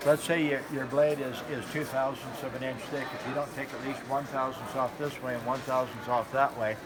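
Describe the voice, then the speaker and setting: A man's voice: medium pitch, little pitch movement, brisk, over a noisy crowd. A middle-aged man giving a casual, folksy live hands-on demonstration, explaining plainly and repeating himself for emphasis. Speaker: knife sharpening demonstrator. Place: large expo hall with concrete floor. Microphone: handheld camera a step or two away. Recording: noisy hall, handheld camera mic. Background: clear background noise of an expo hall.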